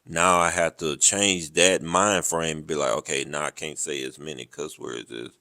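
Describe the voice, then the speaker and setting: A man in his thirties from the American South with a Southern drawl, talking slowly and evenly in a casual interview. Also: gravelly, dry recording, studio quality. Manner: slow, deep, even delivery. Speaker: Army noncommissioned officer, guest.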